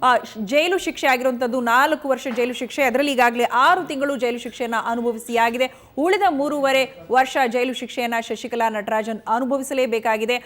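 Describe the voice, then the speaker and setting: A fairly high-voiced woman with a Kannada accent anchors live breaking news. She keeps repeating the latest updates in an urgent tone, filling pauses with drawn-out fillers. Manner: repetitive, urgent, with frequent fillers.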